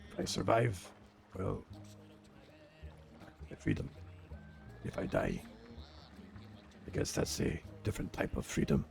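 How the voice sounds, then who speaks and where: A man acts out a grumpy old man, a weary, fatalistic veteran of a crime organization in a role-play game. His voice is low and heavily creaky, with gravelly grit. He speaks gravely and haltingly, though his pitch moves around a good deal. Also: wildly swooping pitch, a little mellow, faint music behind, exaggerated voice. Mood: weary, grim. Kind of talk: improvised online role-play.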